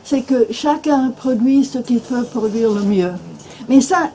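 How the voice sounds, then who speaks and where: Older american woman, english native, stumbling through french, kinda high voice, faint hiss behind. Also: mellow, rough recording. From Minnesota, USA. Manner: halting, many restarts and fillers. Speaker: author and guest speaker. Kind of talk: panel discussion. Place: bookshop event room.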